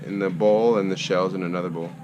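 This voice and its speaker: A man's voice: low voice, flat delivery, rapid-fire, dull audio, very noisy. A man giving casual, conversational running commentary as a travel vlogger. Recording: busy chatter behind the voice.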